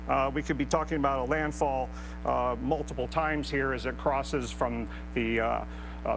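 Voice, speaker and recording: A male meteorologist with a slightly high voice delivers a live technical briefing. He explains things in careful, precise detail. A clear humming rumble runs under his voice. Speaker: hurricane expert meteorologist. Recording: clear hum and rumble of noise.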